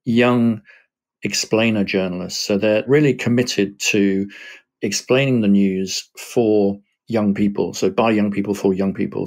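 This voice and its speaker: Guy with a low husky voice explaining media research, calm and analytical. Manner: measured, analytical, with frequent "you know" asides. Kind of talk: explanatory interview answers.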